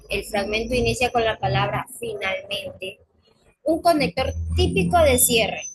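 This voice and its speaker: A woman's voice: mid-range voice, a little hiss or hum, poor audio. Woman teacher explaining test answers. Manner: explains step by step with frequent fillers and self-corrections. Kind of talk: recorded class explanation.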